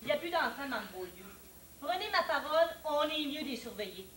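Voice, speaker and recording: A woman plays a fussy Québécois busybody handing out warnings and advice. Her voice is high, lively and bright, caught from a distance in an echoey theatre. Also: a little fast, a little hiss or hum. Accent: Québécois French. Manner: preachy, fussy. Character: fussy, meddling woman neighbour. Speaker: stage actor. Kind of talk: amateur stage acting. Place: theatre stage. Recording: echoey stage audio from far off.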